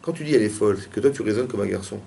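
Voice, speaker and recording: Fast-talking rabbi questioning his class. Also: lowish voice, creaky, warm tone, slight background noise. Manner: fires repeated questions at students. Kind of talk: interactive religious lesson. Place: classroom with students.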